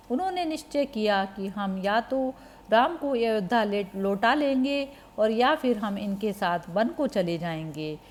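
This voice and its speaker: Slow, measured woman narrating scripture. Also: fairly high pitch, a little mellow, a little hiss or hum.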